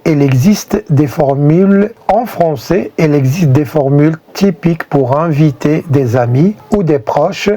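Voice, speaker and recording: Guy reading a french lesson, super slow and careful, kinda high soft voice. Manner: clear, deliberate delivery with spoken example phrases. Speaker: French teacher. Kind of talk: slow scripted lesson narration.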